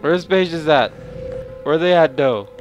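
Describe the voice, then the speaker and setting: A young man playing a horror game, swearing, panicking and yelling at what chases him. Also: on the high side, a little slow, music in the background. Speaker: gameplay streamer.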